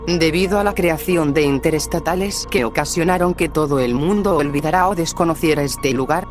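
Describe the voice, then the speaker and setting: A narrator reading a scripted horror story in a measured way, slowing down for dramatic lines. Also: medium pitch. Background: music.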